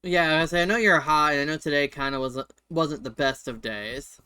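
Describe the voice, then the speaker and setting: A man hosting a casual live-stream interview, relaxed and blunt with some joking. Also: on the high side, normal speed, smooth, no room sound, clean studio sound. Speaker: host.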